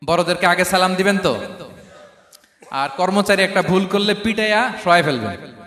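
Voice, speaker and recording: A man's voice: high-pitched, lively intonation, moderate pace, fairly bright tone. A man preaching a fervent sermon, calling out questions to the crowd. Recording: roomy hall with long reverb.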